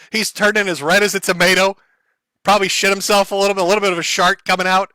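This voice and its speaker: A man hosts a stream with profane, sarcastic commentary, laughing as he mocks his subject. His voice sits high and sounds bright and edgy. The sound is dry and close, with no room. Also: no room sound.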